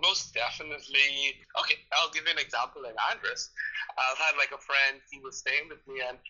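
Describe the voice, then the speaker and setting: Speaking a little fast in a steady, sharp mid-range voice, this tourism ministry worker from the Bahamas responds to an interviewer with a Bahamian accent. He's casual and expressive, repeating phrases to stress his points, and the recording's highs are cut off.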